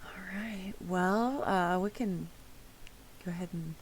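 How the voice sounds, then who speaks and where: A woman's voice: fairly low pitch, slow, a little hiss or hum, rough recording. Giggly woman running a tabletop game. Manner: casual, giggly, lots of fillers. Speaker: game master.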